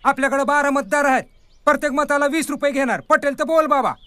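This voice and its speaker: A man's voice: extremely high pitch, fast talker, bright, forceful tone, no room sound. An actor playing a shrewd village man haggling matter-of-factly. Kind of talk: film acting.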